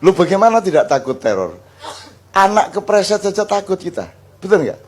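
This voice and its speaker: An older man preaching to a gathering, animated and joking, acting out little dialogues. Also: high voice, brisk, a little hiss or hum. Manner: animated, joking, mixes in Javanese phrases, acts out dialogues. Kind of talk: lively Islamic study talk before a crowd.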